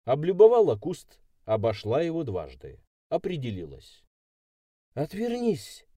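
A man's voice: mid-range voice, sing-song, moderate pace, mellow, no room sound, clean studio sound. A man reading a first-person story aloud as an audiobook narrator.

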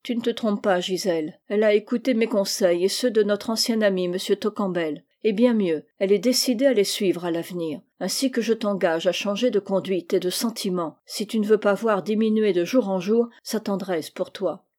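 A woman's voice: medium pitch, moderate pace, few pauses, a little mellow, close to an everyday voice. A woman voicing a grown man, a firm and insistent uncle, in a storybook reading.

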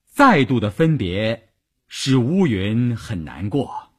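A man reading a novel aloud as a storyteller, in a measured, expressive way. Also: medium pitch, breathy edge.

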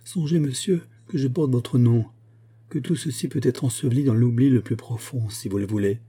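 A man's voice: mid-range voice, moderate pace, dark tone, breathy edge, lightly acted. A man voicing a remorseful young noblewoman who pleads earnestly with her husband in an audiobook reading. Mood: pleading.

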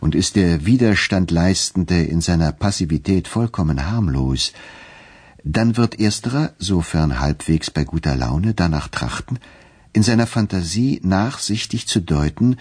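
Deep, very husky male narrator. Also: unhurried, no room sound. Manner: expressive, ironic storytelling. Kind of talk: literary radio reading.

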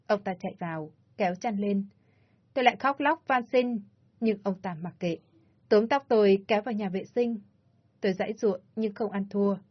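Softly narrating woman, slightly dull audio. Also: mid-range voice. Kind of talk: first-person story narration.

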